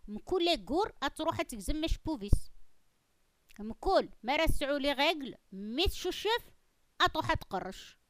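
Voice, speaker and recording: A woman's voice: high-pitched, big pitch swings, normal speed, dry recording. A woman giving an emphatic, argumentative monologue with conviction. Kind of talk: opinionated monologue on religion and custom.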